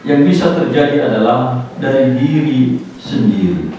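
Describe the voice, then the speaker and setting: A man preaching a sermon, rising in emphasis and slowing down on key words, sometimes slipping in English phrases. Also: mid-range voice, animated, mellow, heavy reverb, distant mic, highs cut off, a little hiss or hum. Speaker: pastor. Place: church sanctuary.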